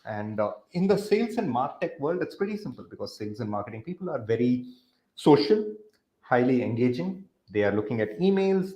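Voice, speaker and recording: A man's voice: medium pitch, darkish tone, lo-fi sound. A man in his thirties hosting a live business interview, talking in a loose, rambling way with many fillers. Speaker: podcast host.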